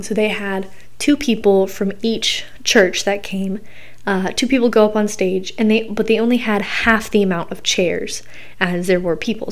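A young woman hosts a casual solo podcast, her mid-range voice still hoarse as she recovers from losing it. She rambles in a chatty way, using plenty of fillers.

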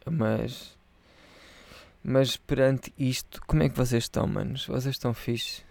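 A man's voice: medium pitch, fairly even intonation, measured pace, creaky, darkish tone, dry recording. A drunk man with a European Portuguese accent, hosting his podcast and rambling, repeating himself and swearing freely as he talks to his patrons. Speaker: podcast host. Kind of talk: rambling casual monologue to patrons.

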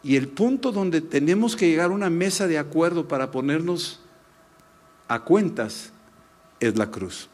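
A middle-aged man with a Mexican Spanish accent, preaching a sermon and telling a personal story in a lively, emphatic way. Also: a little high. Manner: lively, shifts between animated anecdote and slow emphatic teaching. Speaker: pastor.

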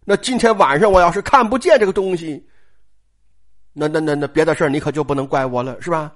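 A storyteller voicing a careful young female servant who speaks low and measured. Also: close to an everyday voice.

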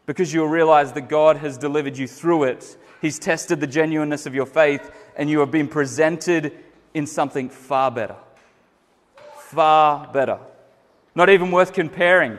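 Earnest preacher man in an echoey hall. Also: on the high side. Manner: earnest, emphatic, swells louder then drops soft. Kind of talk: sermon. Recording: echoey hall with long reverb.

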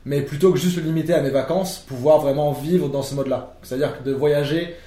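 A man's voice: a little high, steady tone, a little fast, warm tone. A young French man, a podcast guest, explaining at length in a casual conversation with many fillers and restarts. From France. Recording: echoey room.

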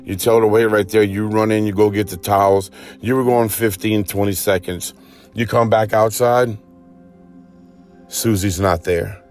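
A man's voice: fairly low pitch, fairly even intonation, moderate pace, a little mellow, faint music behind. A man preacher telling a vivid second-person story in a sermon, acting out urgent cries as it builds.

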